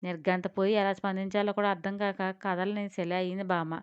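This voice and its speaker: A woman narrating a family drama audiobook in a steady, expressive reading. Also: medium pitch, fairly quick, clean tone, no echo. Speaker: storyteller. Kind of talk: scripted story narration. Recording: slightly dull lo-fi sound.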